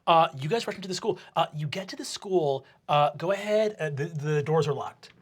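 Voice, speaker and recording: A man's voice: fairly high pitch, animated, fairly quick. A man narrating a tabletop fantasy game as game master, improvising descriptive scenes and ruling on players' actions. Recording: clear music under the voice.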